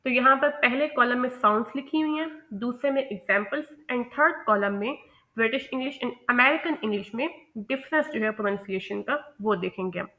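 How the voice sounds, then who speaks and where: Woman teacher, bright and slightly high voice, patient step-by-step explainer. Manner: explains step by step, with frequent "okay" check-ins; slow, deliberate English terms. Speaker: English pronunciation teacher. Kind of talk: explaining a lesson over slides.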